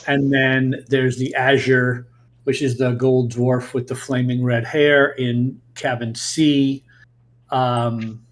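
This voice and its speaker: Slow, halting male game master. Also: mid-range voice, slight background noise. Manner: halting, improvised delivery. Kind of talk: narrating a tabletop role-playing game.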